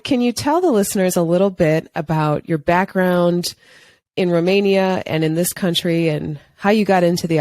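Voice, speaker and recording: A woman's voice: lowish voice, darkish tone, no echo. A woman hosting a podcast, asking upbeat, friendly interview questions. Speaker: podcast host. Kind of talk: casual interview.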